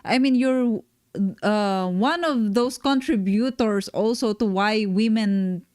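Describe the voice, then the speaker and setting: A woman's voice: fairly high pitch, a little mellow, no echo, studio quality. Exasperated woman reacting on stream. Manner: exasperated, critical, halting restarts. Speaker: streamer reacting to a panel video. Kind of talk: live stream reaction commentary.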